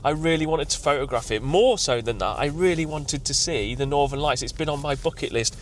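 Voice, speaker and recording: Excited man vlogging from his car. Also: a little high, a little fast, slight background noise. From England. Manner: excited, rambling, emotional. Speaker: tree consultant vlogger. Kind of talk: vlog. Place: outdoors at night, then in a car.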